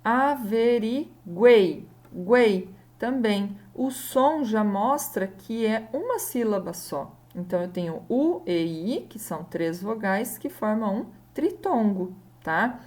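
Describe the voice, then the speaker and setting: Slow, patient woman teacher. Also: medium pitch, expressive, darkish tone. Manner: patient, slow, spells out letters and checks in often. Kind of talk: explaining a grammar lesson.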